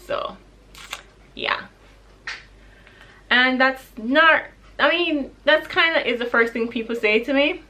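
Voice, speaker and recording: A Jamaican woman with a Jamaican accent candidly chats through a question-and-answer vlog, laughing easily. Her high-pitched voice is slow and sharp, with frequent pauses.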